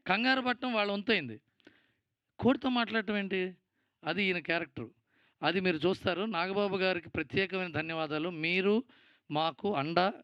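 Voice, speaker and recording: A man's voice: high voice, fairly bright tone, no room sound, muffled recording. A Telugu-accented man giving a producer's speech at a film event, rambling, thankful and teasing. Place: event stage.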